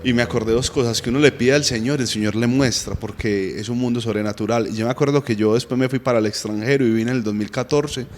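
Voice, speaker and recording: Colombian man, self-mocking storyteller, mid-pitched voice, long hall echo. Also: fast talker, few pauses, a little hiss or hum. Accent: Colombian Spanish. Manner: lively, self-mocking, chuckles often. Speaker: guest giving a faith testimony. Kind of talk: casual storytelling testimony.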